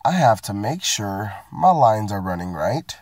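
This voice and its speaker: This studio-quality clip, free of room sound, features a vlogger with a fairly low, darkish, sing-song voice and a measured pace. Getting sick and parked in his car, he swears and rambles through a casual, self-mocking rant to camera about his work week.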